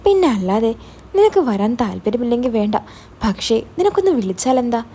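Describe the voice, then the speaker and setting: ഒരു സ്ത്രീ അവതരിപ്പിക്കുന്ന കളിയാക്കുന്ന ചെറുപ്പക്കാരൻ സുഹൃത്ത്. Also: female voice, a little high, big pitch swings, fairly quick, dark tone, husky, full character voice. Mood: scolding. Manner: teasing, blunt, scolding. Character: cheerful hungry young man, the hero's old college friend, blunt.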